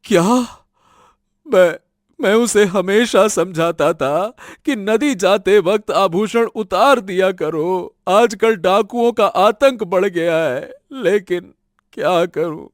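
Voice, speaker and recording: A man's voice: sits high, takes it slowly, dry recording, clean studio sound. A man voicing a harsh, dismissive village father in a Hindi cartoon story. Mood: defensive. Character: cold, scornful village father, middle-aged man.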